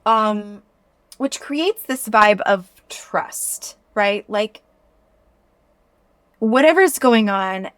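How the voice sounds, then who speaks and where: A woman's voice: a little high, a bit bright, no echo. A woman hosting a podcast, talking casually and expressively to her listeners in a chatty way. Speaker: podcast host.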